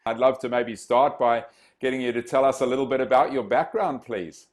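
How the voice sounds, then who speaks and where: A man's voice: mid-range voice, fairly quick. A man hosting an interview podcast, opening with a friendly, scripted introduction. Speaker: podcast host.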